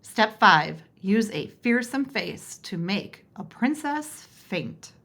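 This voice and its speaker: A woman reading a picture book aloud with expressive storytelling. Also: mid-range voice, slow. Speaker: storybook reader.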